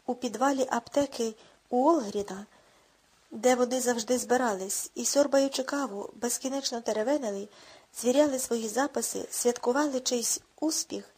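Husky woman reading a novel aloud. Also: a little high, normal speed, darkish tone. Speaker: narrator. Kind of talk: audiobook narration.

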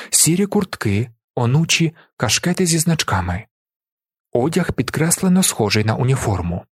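A man reading a novel aloud as narrator, expressive and lively. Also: medium pitch, breathy edge, no room sound, studio quality. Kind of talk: audiobook narration.

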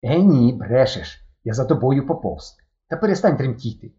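A man voicing an excitable, cocky boy in a read-aloud story, who blurts out quick, jumpy exclamations. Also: mid-range voice, lightly acted. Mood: excited. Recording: muffled lo-fi recording.

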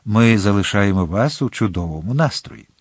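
A man's voice: lowish voice, lively intonation, normal speed, husky, dry recording, studio quality. A man doing a meek, pleading village curé. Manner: pleading, deferential.

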